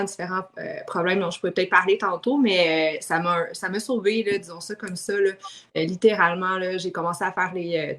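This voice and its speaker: A woman's voice: mid-range voice, a bit bright. A woman, chatting as a guest and hesitating often as she talks. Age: 30s. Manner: chatty, hesitant, trails off with fillers. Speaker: guest customer. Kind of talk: casual chat.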